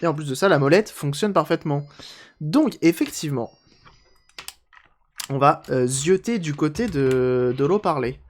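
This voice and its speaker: A man's voice: on the high side, lively intonation, normal speed, long pauses. A man chatting casually on a live stream while repairing a handheld console, joking and answering chat aloud.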